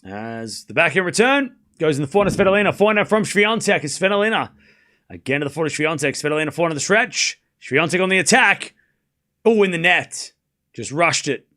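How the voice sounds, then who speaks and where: Hosting a live tennis watchalong, a man talks in a hoarse smoker's rasp that sits a bit high and cuts through brightly and forcefully. He's animated and a little fast, calling play informally and chatting casually with viewers while repeating scores and phrases.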